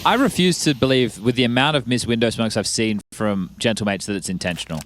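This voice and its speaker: A man's voice: medium pitch, fast talker, fairly bright tone. A man co-commentating a live esports match on a headset, with wry, teasing asides. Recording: game sound effects behind the voice. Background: game gunfire.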